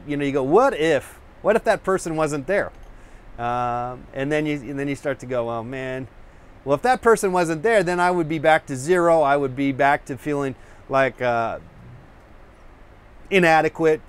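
A man hosting his own painting show, chatting casually to camera in a rambling way, full of fillers and restarts, searching for words and wired on coffee. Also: mid-range voice. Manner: self-searching, hunts for words; rousing, pep-talk delivery. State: over-caffeinated.

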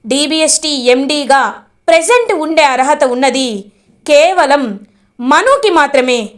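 A woman voicing a middle-aged male minister who speaks in a formal, measured way. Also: high voice, lively intonation.

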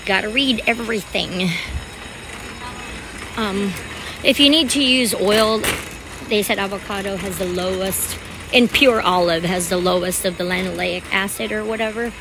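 A woman's voice: medium pitch, normal speed, pauses often, background noise. A woman vlogging as she shops in a large store, chatting to her viewers in a rambling, casual way. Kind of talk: casual chat while shopping.

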